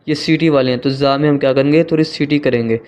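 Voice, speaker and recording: A man with a Pakistani Urdu accent teaching beginners to pronounce letters, in a slow, patient tutorial manner with drawn-out letter sounds. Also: mid-range voice, steady tone, darkish tone, clean tone. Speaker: Quran reading teacher.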